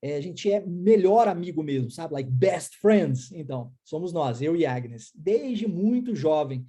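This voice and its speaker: A woman's voice: sits low, expressive, a little slow, warm tone, husky. A woman with a Brazilian Portuguese accent teaching an online English lesson, explaining step by step and often checking in with short questions.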